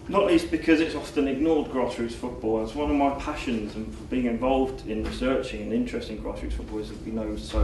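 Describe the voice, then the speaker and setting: A man, speaking at an event as chair of a group, hesitant with many restarts and ums. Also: mid-range voice. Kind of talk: speech at an event. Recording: echoey hall, distant mic, background noise.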